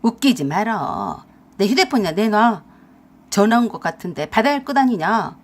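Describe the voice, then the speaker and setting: A woman voicing a young husband who blusters and defends himself loudly in a radio drama. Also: medium pitch, big pitch swings, normal speed. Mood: loud, alarmed. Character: angry young husband caught out, blustering man.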